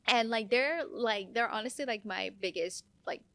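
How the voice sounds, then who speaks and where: A woman's voice: on the high side, moderate pace, fairly bright tone, no room sound. A woman guest on a podcast, a nurse, talking casually with lots of fillers and restarts. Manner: chatty, many fillers and restarts. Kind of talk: casual conversation.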